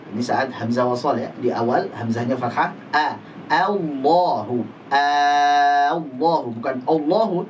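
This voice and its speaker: A male recitation teacher in a live online class, patiently demonstrating Arabic letter sounds slowly and repeatedly. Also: mid-range voice, recorded from a distance, slight background noise, low-quality recording.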